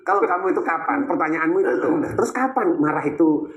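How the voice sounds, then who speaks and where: Animated male preacher, echoey room. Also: on the high side, fast talker, dull audio. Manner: animated, teasing, rhetorical questions. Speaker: Islamic preacher. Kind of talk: religious talk with questions.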